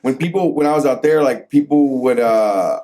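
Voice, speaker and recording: A brash, profane American man hosting a casual podcast chat, excitable and quick to swear. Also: medium pitch. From USA. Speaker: podcast host.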